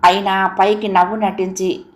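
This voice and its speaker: A woman's voice: mid-range voice, level tone, normal speed. A woman narrating an audio novel in an emotive, dramatic reading style. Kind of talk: expressive storybook narration. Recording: roomy echo.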